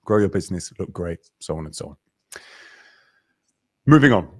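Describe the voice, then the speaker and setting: Deep-voiced energetic webinar host. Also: male voice, normal speed, breathy edge, dry recording, studio quality. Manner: energetic, chatty, greets viewers by name. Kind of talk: live webinar presenting. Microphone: video call.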